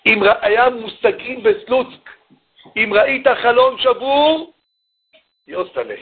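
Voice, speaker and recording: A man preaching through a story, acting out the people in it with dramatic shifts of voice. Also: high-pitched. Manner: dramatic, acts out the characters' voices. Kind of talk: storytelling sermon. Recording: tinny phone-like recording.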